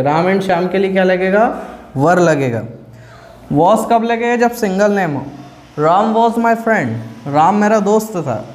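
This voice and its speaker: A man with a fairly high voice teaches a grammar lesson, drilling points through repetition. He poses questions to his viewers and answers them himself, checking in again and again. His voice rings in a noticeably echoey room. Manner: repeats "ठीक है?" checks, asks and answers own questions.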